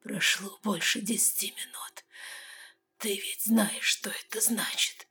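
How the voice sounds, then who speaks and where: A woman voicing a weak, dying tiger-shifter man who speaks in a faint, halting whisper. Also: mid-range voice, steady tone, sharp tone, breathy edge, heavily acted.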